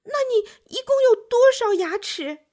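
A woman voicing an impatient, hungry male turtle in a children's storybook, calling out loudly. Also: very high-pitched, sing-song, takes it slowly, voice pushed up, full character voice. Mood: startled. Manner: shouting impatiently.

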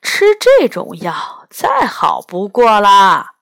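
Storybook elder: woman doing a slow, boastful, stingy old man, lower and drawn out. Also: wildly swooping pitch, creaky, a bit bright, no room sound, studio quality, exaggerated voice. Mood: proud.

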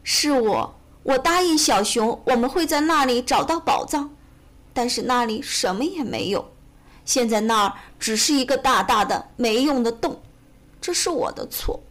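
A woman voicing a calm, steady young boy frog who talks in a reassuring way in a children's storybook. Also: on the high side, moderate pace. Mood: sorry.

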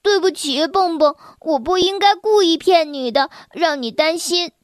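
A woman's voice: very high voice, measured pace, dry recording, studio quality. A woman voicing a playful, mischievous young male frog in a children's storybook, with a teasing, giggly way of talking. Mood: concerned. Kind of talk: storybook reading.

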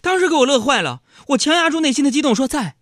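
Brief: male comic radio host, high and tense, self-mocking. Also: animated, very fast, fairly bright tone, no room sound, clean studio sound. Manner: joking, self-mocking, acts out quoted voices. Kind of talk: comic storytelling monologue.

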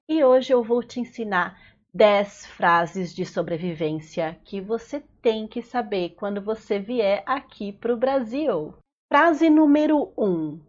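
Slow, clear woman teaching Portuguese. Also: medium pitch, a little mellow, dull audio. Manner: repeats each phrase slowly and clearly. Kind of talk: slow, clear language lesson.

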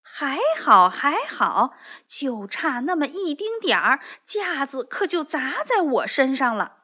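A woman voicing a small excitable rabbit in a children's story, talking in loud, high, indignant outbursts. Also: takes it slowly, full character voice. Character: little excitable rabbit, quick to anger. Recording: dull lo-fi recording.

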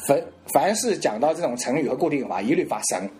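A man's voice: mid-range voice, sing-song, fast talker, a crowd in the background. A man with a Shanghainese accent, teaching the dialect in a playful, joking casual chat.

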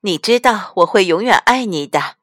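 A woman's voice: medium pitch, lively intonation, moderate pace, no room sound, studio quality. Woman doing a reassuring mother bear. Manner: warm, reassuring. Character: patient loving mother bear.

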